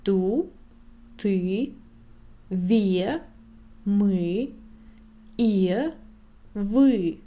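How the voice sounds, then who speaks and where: A woman giving scripted educational narration, explaining things in a clear, measured way with carefully spoken example words. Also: medium pitch, animated, warm tone. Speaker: narrator of a language feature.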